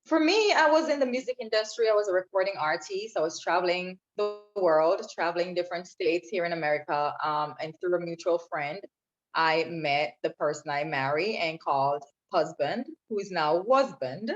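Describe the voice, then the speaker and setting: A Jamaican woman appears as a podcast guest, telling her personal story in an earnest, reflective interview testimony. Her voice is on the low side and moderately paced, and the sound is dull and lo-fi.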